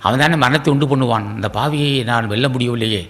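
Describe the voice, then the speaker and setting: A man's voice: mid-range voice, quick pace. Man pleading in a devotional sermon. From Tamil Nadu, India. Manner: pleading, repetitive prayer-like phrasing, frequent throat clearing. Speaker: spiritual teacher.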